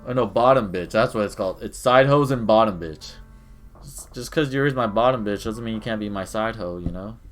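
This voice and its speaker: A young man streaming a game, making crude jokes and loud reactions in casual chat. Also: fairly low pitch, a little fast. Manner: joking, crude, reacting loudly. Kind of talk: casual live game commentary. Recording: faint game music behind.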